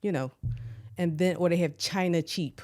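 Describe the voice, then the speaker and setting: An American woman from Philadelphia, a shoe designer, talking as a podcast guest in a relaxed, conversational way. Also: fairly low pitch, normal speed. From Philadelphia, USA. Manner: relaxed, conversational, often asks "you know what I mean". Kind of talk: casual interview talk.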